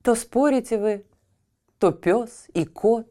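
Woman doing a soft wise light spirit lady, gently scolding. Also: on the high side, slow pace, voice pushed up. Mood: reproachful. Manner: gentle, reproachful.

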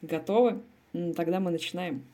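A woman's voice: on the low side, moderate pace, over loud music. A woman hosting a casual comedic podcast, speaking bluntly and informally with swearing. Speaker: podcast host.

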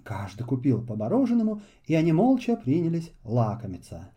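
A man narrating a children's fairy tale in an expressive, melodic reading. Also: fairly high pitch, fairly quick, husky.

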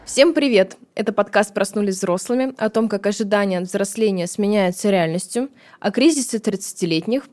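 A woman's voice: mid-range voice, brisk, darkish tone. Woman in her thirties co-hosting a podcast. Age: 30s. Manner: conversational, many hedging fillers. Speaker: podcast co-host. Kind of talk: casual podcast chat.

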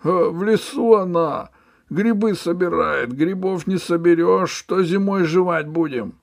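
A man voicing a poor, groveling old ferryman who pleads in a high, wailing voice. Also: measured pace, vocal fry. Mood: wailing pleading.

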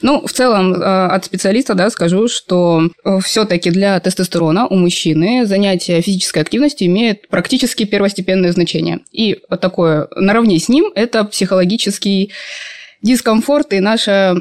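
A woman's voice: mid-range voice, fairly quick, dry recording. A woman speaking as an expert endocrinologist, giving conversational medical commentary in an explanatory, good-humoured way.

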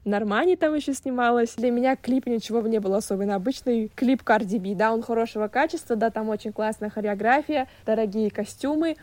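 A woman's voice: a little high, fairly quick, hardly any pauses, darkish tone, no echo. A woman co-hosting a casual pop culture podcast in a chatty, upbeat, opinionated manner. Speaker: podcast co-host.

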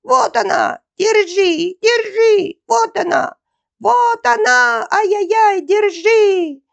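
A woman's voice: very high voice, lively intonation, slow, creaky, pitched above the performer's own voice, exaggerated voice. A woman voicing a tiny bear cub boy in a storybook, with a thin, squealing voice. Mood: shrieking.

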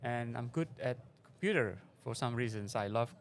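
A middle-aged man from Indonesia, interviewed as a guest at a conference forum, works in venture investing and replies haltingly, full of fillers and non-native turns of phrase. He speaks at a moderate pace with medium pitch, and there is slight background noise.

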